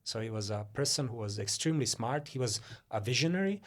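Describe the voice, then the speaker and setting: A man's voice: medium pitch, expressive, fast. A Croatian-born man with a mid-range voice talks as a guest in an interview. His speech is chatty and loose, full of fillers and restarts. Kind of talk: casual interview talk.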